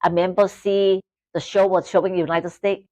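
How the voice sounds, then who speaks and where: A woman's voice: fairly low pitch, flat delivery, normal speed, a little mellow, no room sound, poor audio. A Malaysian woman in her fifties whose first language is Chinese, a guest telling her life story in broken, simple English and laughing often. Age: 50s. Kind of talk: casual interview storytelling.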